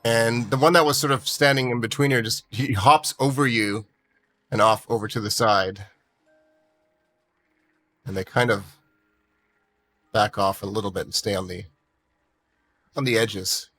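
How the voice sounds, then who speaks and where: A man running a tabletop game as dungeon master, narrating in an easygoing, halting way. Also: on the low side, fairly bright tone, slight background noise.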